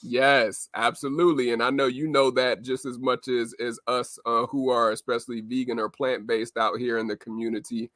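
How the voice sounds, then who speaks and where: A man hosting a podcast, giving upbeat shout-outs with frequent "uh" fillers. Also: mid-range voice, flat delivery, moderate pace, hardly any pauses, no room sound, studio quality. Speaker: podcast host. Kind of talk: podcast host intro.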